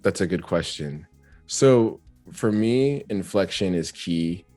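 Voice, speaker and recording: A man's voice: low-pitched, animated, slow pace, warm tone, no echo, faint music behind. A man, a rapper, chatting as an interview guest, talkative and reflective and laughing often. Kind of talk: casual interview chat.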